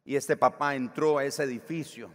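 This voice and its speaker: A man preaching a sermon as pastor, animated, acting out the voices of the people in his stories. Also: medium pitch, normal speed, long reverb tail.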